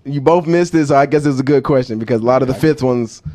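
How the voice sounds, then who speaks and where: A man's voice: mid-range voice, quick pace, dark tone. A man in casual banter on a review show, drunk, emphatic and repeating himself.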